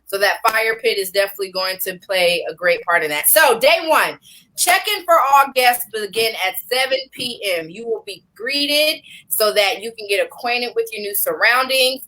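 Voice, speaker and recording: Bright, relaxed woman co-host chatting. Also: a little high, moderate pace, slight background noise, rough recording. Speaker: co-host presenting a retreat. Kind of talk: casual livestream chat.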